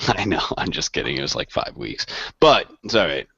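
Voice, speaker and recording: A man's voice: sits low, very animated, a little fast, gravelly, a bit bright, husky, no room sound. A young American man co-hosting a podcast on a video call, casual and teasing. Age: young adult. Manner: joking, teasing. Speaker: podcast co-host. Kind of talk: casual chat. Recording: slightly dull video-call audio.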